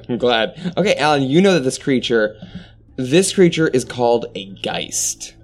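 A man hosts a tabletop role-playing podcast as game master. His mid-pitched voice moves between casual banter and scene narration, with faint music underneath. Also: expressive, a little slow.

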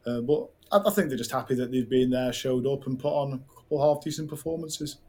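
Man, husky voice, measured, hedging, football podcast chat. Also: medium pitch, warm tone. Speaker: podcast co-host.

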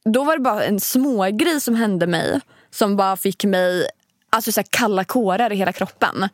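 A woman co-hosting a podcast in a casual chat. She listens closely and answers with short replies. Her voice sits at a middle pitch in a dry, close recording. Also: no echo. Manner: attentive listener, short backchannels.

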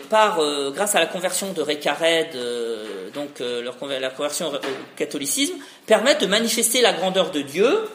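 A man with a fairly high, fairly bright voice gives an academic lecture in a room with audible echo. His delivery meanders, with many restarts and repeated "hein" tag questions.

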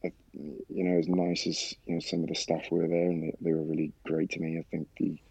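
A man telling his own story in a casual interview, halting with many fillers and restarts. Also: sits low, completely flat delivery, vocal fry, darkish tone, husky, no room sound, rough recording. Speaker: guest sharing his story.

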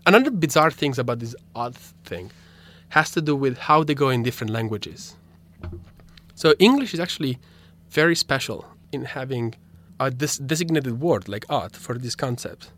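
This philosophy graduate student, a young native Italian speaker with an accent to match, describes his research on the radio at a moderate pace. His medium-pitched voice is expressive and a bit bright, and he is thoughtful, with many restarts and fillers.

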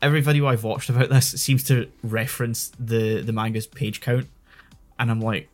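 A man's voice: medium pitch, flat delivery, moderate pace, soft background music. A man with a Scottish accent co-hosting a podcast, explaining in a rambling, self-correcting casual chat. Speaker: podcast co-host.

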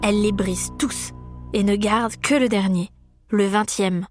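A woman narrating a children's story aloud in a lively, expressive way for young listeners. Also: medium pitch, a little slow, soft background music.

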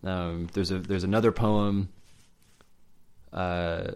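Deep-voiced man rambling about legends. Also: steady tone, darkish tone, clear, resonant tone. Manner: halting, many fillers and restarts. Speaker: podcast co-host. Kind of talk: casual chat about legends.

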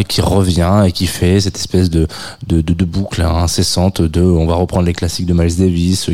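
A man's voice: deep voice, warm tone. A man hosting a live music radio show in a rambling, casual way, full of hesitations and restarts, with a self-mocking humor. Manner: self-mocking, chuckles at his own jokes. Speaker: radio host.

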